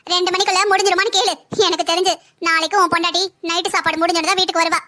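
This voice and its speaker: Woman doing a super high, bright, fast nagging sister-in-law in a cartoon. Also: flat delivery. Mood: scolding. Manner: taunting, scolding. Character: sharp-tongued, bossy older sister-in-law. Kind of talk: cartoon story voice acting.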